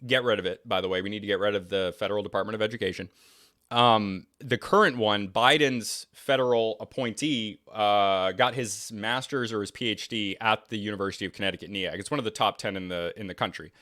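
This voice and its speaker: A man's voice: fairly low pitch, a little fast, sharp tone. A young man from New England, talking in casual conversation as a podcast guest, rambling and opinionated with many restarts and fillers. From New England, United States.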